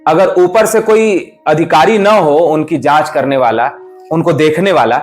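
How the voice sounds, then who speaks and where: A man's voice: fairly high pitch, measured pace, faint music behind. A man, a spiritual teacher, giving a devotional discourse in an emphatic, explanatory way. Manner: emphatic, explanatory, rises and falls sharply for stress.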